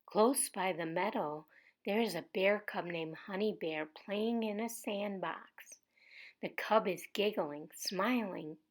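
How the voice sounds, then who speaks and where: Slow, soft-spoken woman reading a story. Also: mid-range voice, vocal fry. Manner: slow, soft, sometimes whispering. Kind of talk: reading a children's story aloud.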